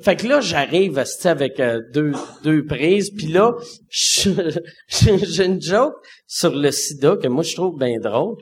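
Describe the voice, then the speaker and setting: A man in his forties speaks with a Québécois accent, spinning a stand-up story. His voice sits slightly high and moves with lively, offhand energy. A faint hiss of noise stays under him throughout. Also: unhurried. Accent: Québécois French. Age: 40s. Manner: animated, swears casually, drops low for punchlines. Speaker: stand-up comedian. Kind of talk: casual anecdote telling.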